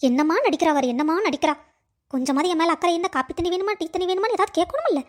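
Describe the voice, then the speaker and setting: A very high, piercing voice belongs to a nagging old mother-in-law in a cartoon story, acted by a woman. She keeps scolding her daughter-in-law and accusing her of things. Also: very fast. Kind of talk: cartoon voice acting.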